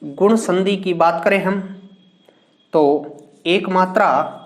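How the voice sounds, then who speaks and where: A man's voice: high voice, fairly even intonation. A male teacher giving a grammar lesson, asking questions and answering them himself, drawing out each example word. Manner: slow, drawn-out word examples. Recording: echoey room.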